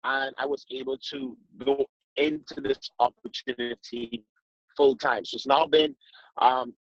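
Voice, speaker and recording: A man from Trinidad and Tobago, giving an earnest sales pitch on a conference call, often repeating his words. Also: a bit bright, breathy edge, no room sound. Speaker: business presenter. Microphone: phone. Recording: muffled dry phone-call audio.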